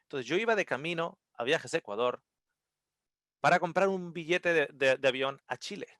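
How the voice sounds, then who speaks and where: A man telling a personal story at a seminar in an animated way, acting out the voices and often restarting his words. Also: fairly high pitch, moderate pace, no room sound, studio quality. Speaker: seminar speaker.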